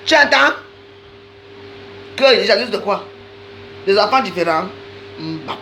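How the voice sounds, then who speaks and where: A woman's voice: mid-range voice, animated, measured pace, pushed and bright, a little hiss or hum, low-quality recording. A woman delivering a heated, accusatory live-stream rant, talking straight to her viewers and repeating phrases for emphasis. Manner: accusatory, insistent, addresses viewers directly.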